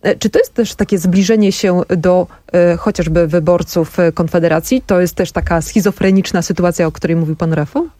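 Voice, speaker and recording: A woman moderating a political talk show in a radio studio. Her voice is warm and mellow, and it sounds dry and close. She poses questions at a measured pace with frequent hesitation fillers. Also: lowish voice, steady tone, no room sound. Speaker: radio host.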